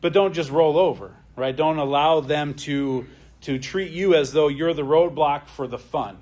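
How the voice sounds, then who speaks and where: Man teaching a relaxed church lesson. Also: a little high, a little slow. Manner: conversational, often adds a questioning "right?". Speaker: adult Bible class teacher.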